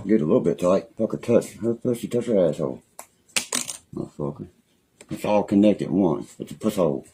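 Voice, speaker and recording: A young livestreamer from West Virginia, his voice low-pitched and dark, rants on a phone stream in a small room at home with slight background noise. He rambles angrily, issues threats and swears heavily throughout.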